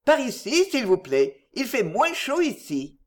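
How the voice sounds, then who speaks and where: A narrator voicing a brisk, commanding lady of the house who speaks with matter-of-fact authority, in an audiobook reading. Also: medium pitch, huge pitch swings, voice pushed up.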